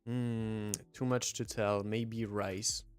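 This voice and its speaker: This young streamer from southwest France has a French accent and a fairly low, clean voice, delivered flatly and slowly. He chats casually and reads his chat aloud, hesitating often with fillers and restarts, while soft music plays in the background.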